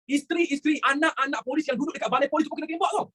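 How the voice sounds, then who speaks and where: A man's voice: very high-pitched, racing, sharp tone. A man with a Malaysian Malay accent teaching a history lesson in a chatty way, asking rhetorical questions and repeating his phrases. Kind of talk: classroom lesson mixing in English words.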